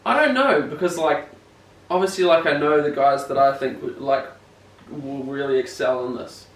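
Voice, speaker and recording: A man's voice: fairly high pitch, moderate pace. Rambling young Kiwi guy with a broad accent. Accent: broad New Zealand. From New Zealand. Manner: rambling, slangy, self-deprecating. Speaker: BMX rider being interviewed. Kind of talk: casual chat. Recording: echoey room, distant mic, faint noise.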